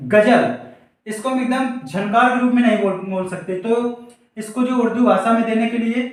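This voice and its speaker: A male Hindi teacher giving a board lesson for exam students, asking rhetorical questions and repeating example words slowly. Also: very high-pitched. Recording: very echoey room, mic far off.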